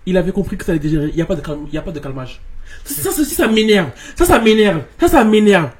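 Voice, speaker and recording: Animated man reading stories, mixing English slang. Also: high voice, rapid-fire. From France. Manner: animated, repeats words, mixes English slang. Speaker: host reading viewers' stories. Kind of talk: casual reading and commentary.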